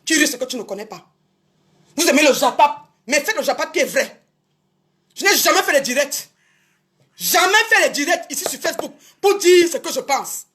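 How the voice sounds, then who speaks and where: A woman with a very high voice defends herself in an indignant live video. She keeps repeating her points and speaks straight to her critics. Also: animated, moderate pace, long pauses, fairly bright tone. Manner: indignant, repetitive, addresses critics directly. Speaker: show business promoter. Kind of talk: Facebook live rant.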